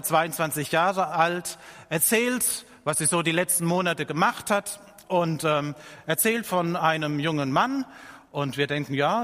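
A middle-aged man preaching a sermon. He speaks earnestly, slows down to stress his points and lifts his voice when quoting scripture. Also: on the high side, fairly bright tone. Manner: earnest, slows down for emphasis, quotes scripture with rising voice. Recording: long hall reverb.

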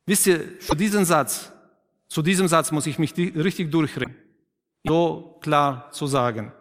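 A man preaching a sermon who questions the congregation, affirms their answers, and drops to a quiet, emphatic tone for key points. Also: fairly high pitch, measured pace. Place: church. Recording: long reverb of a church hall.

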